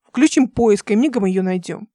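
An ironic man drawls teasing remarks, as a woman reading plays him. The voice is a little lower than her narration and dry. It stays mocking and easy. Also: expressive, normal speed, warm tone, dry recording, natural voice.

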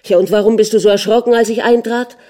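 Storybook: a woman reading a jealous nobleman, ironic and accusing, low and mellow. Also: normal speed, natural voice. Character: jealous, irritable nobleman husband.

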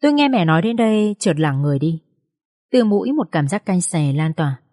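Low, mellow woman narrating a story. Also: very animated, no echo, clean studio sound. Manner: slow, emotional storytelling. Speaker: audiobook narrator. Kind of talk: scripted first-person story narration.

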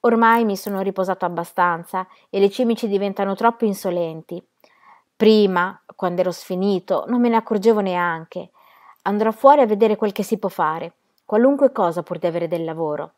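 A woman's voice: mid-range voice, moderate pace, darkish tone, close to an everyday voice. A woman reading aloud as a restless young laborer and devoted husband, in an urgent, pleading way. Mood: earnest.

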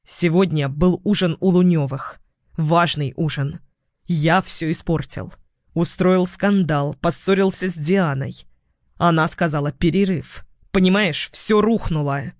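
A man's voice: fairly high pitch, a little slow, no room sound, clean studio sound, close to an everyday voice. A man voicing a bitter, cynical young man who turns accusing and raises his voice in anger. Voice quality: hoarse. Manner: shouting, accusing.

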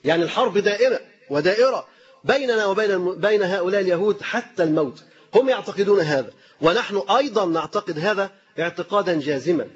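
Male Egyptian preacher, impassioned sermon, quick delivery, husky tone, muffled lo-fi audio. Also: high-pitched, lively intonation. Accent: Egyptian Arabic. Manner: impassioned, strings of rhetorical questions and repetitions.

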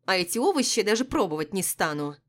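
A woman voicing a haughty, capricious, sickly old empress who bursts out loudly and scornfully. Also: medium pitch, big pitch swings, fast, close to an everyday voice. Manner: loud, scornful outbursts.

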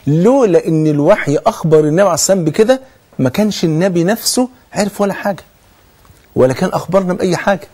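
A man's slightly high, slightly mellow voice carries an earnest sermon in Egyptian-accented Arabic. He stresses his points by swearing oaths and works through rhetorical questions he answers himself.

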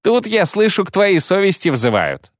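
A man's voice: medium pitch, big pitch swings, moderate pace, no echo, clean studio sound, lightly acted. A man doing a leering young bandit, sneering. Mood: mocking. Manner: sneering, mock-polite.

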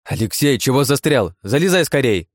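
A man's voice: lowish voice, a little fast, darkish tone, no room sound, studio quality, close to an everyday voice. A man voicing a tough, cocky young woman captain in an audiobook, giving clipped commands. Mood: urgent.

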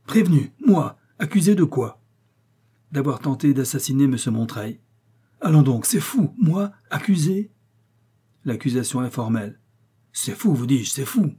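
A man's voice: medium pitch, expressive, normal speed, warm tone, slightly rough. A man voicing an aristocratic count who protests his innocence in outrage, in an audiobook reading. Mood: outraged. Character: indignant aristocratic count, middle-aged man.

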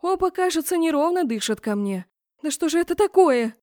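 A woman narrating a first-person romance fantasy story in an expressive, dramatic reading. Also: high-pitched, a little fast, dry recording, studio quality. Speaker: audiobook narrator.

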